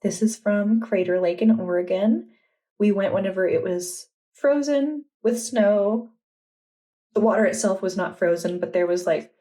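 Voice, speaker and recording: A young adult woman vlogger chatting in a relaxed, enthusiastic way as she walks through her journal. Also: lowish voice. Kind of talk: casual vlog narration.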